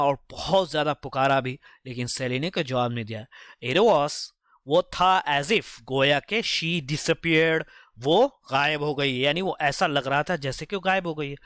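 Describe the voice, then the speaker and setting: A man teaching spoken English. He reads each phrase slowly, explains it briskly, and repeats himself and corrects himself as he goes. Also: on the high side, a bit bright, dry recording, studio quality.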